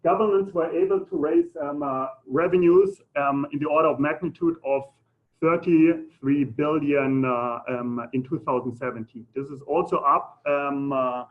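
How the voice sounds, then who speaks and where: Halting German-accented man, thin phone-like sound. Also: a little high, fairly even intonation. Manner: halting, hesitant delivery. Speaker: presenter. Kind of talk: informal conference presentation with audience questions. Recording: muffled phone-like audio.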